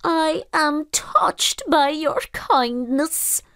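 A woman doing a slow, high-voiced old donkey spirit. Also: pushed and bright, no room sound, clean studio sound, exaggerated voice. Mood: grateful. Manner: slow, drawn-out and courteous. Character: old male donkey-like pooka spirit, once a lazy servant.

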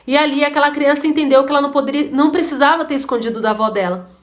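Woman, high-pitched, earnest, devotional preaching. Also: rapid-fire. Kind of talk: devotional sermon-style storytelling.

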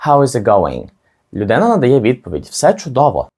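A man teaching a spoken language lesson, modelling practice phrases slowly and deliberately. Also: mid-range voice, huge pitch swings, darkish tone, slightly rough. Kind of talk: scripted lesson narration.

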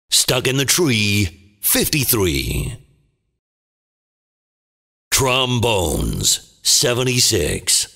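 A man playing a booming, dramatic movie trailer announcer, calling bingo in short theatrical phrases with a gravelly voice. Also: sharp tone, full character voice. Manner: theatrical, deliberate, clipped phrases. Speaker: bingo caller. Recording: long booming reverb.

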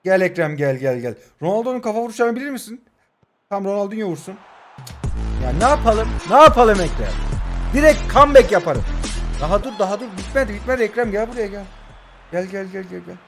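A young man in his twenties narrates his own football match on his phone. His voice sits high, and he keeps egging his players on and mocking his rival. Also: animated, fairly quick, music in the background. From Turkey. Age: 20s. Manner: heated, urging players on, trash-talking the opponent. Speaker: mobile football gamer. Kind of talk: live gameplay commentary.

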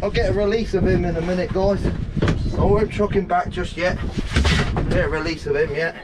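A young fishing vlogger from Guernsey, with a high voice, steady tone and moderate pace, casually narrates to viewers as he hauls fishing pots and counts his catch aloud on a small open boat at sea. An action camera captures it, with loud wind and engine noise plus wind, water and the boat engine in the background.

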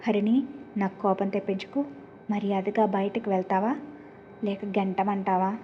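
A woman's voice: medium pitch, little pitch movement, normal speed, highs cut off, a little hiss or hum, lightly acted. A woman voicing an angry young man who scolds and sharply turns away a cousin who keeps chasing him. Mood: threatening. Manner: stern, scolding, sharp retorts.

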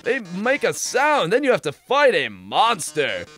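A man voicing a flamboyant, gloating villain robot from a video game, with melodramatic, drawn-out delivery. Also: sits high, huge pitch swings, fairly bright tone, soft background music, exaggerated voice. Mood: theatrical threat.

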